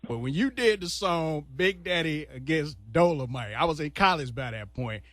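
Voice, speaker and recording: A man's voice: on the high side, expressive, moderate pace, a bit bright, no room sound. A man hosting a radio interview, talking eagerly and conversationally like a fan. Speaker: radio host.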